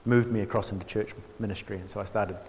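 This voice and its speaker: This man's fairly low, creaky voice has a darkish colour and a steady tone, and he talks at a quick pace. He's a theology workshop speaker from New Zealand giving an informal lecture in an echoey hall. He stumbles through with ums and restarts and slips in dry, self-deprecating jokes.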